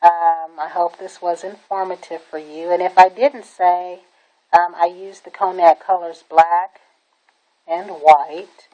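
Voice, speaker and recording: A woman with a somewhat low-pitched voice walks through a nail stamping tutorial in a relaxed, chatty way. She talks while she works, often pausing on an "um" and gushing "really, really" about what she likes. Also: rough recording. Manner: chatty and enthusiastic, with many "um"s and repeated "really, really". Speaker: nail art tutorial maker. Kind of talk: casual how-to demonstration.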